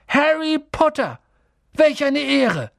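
A man voicing an old bald innkeeper, high and trembling with awe. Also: wildly swooping pitch, unhurried, no room sound, clean studio sound, heavily acted. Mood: awestruck. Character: old bald male innkeeper, awed and tearful.

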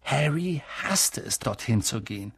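A man reading a children's novel aloud in measured, expressive storytelling. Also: medium pitch, creaky, slightly rough, no echo, clean studio sound. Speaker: audiobook reader. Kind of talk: scripted storybook narration.

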